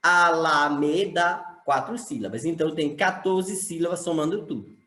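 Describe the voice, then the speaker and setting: A man's voice: on the high side, lively intonation, fairly quick, reverberant. A male teacher from Sergipe, Brazil, with a Brazilian Portuguese accent, explaining a lesson and asking rhetorical questions. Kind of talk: recorded online lesson.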